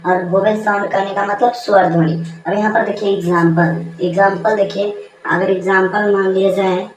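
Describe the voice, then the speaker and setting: A woman's voice: medium pitch, steady tone, normal speed. A woman teaching a grammar lesson at a board, repeating key terms and asking and answering her own questions. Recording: echoey room, mic far off, faint noise.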